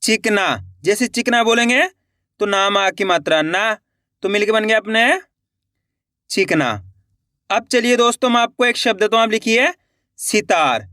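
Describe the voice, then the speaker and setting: A man teaching spelling slowly and patiently, asking the viewer questions, repeating each word and dropping low as he finishes it. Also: steady tone, bright, forceful tone, clean tone, no room sound, clean studio sound. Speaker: Hindi writing teacher. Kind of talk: slow, patient spelling lesson.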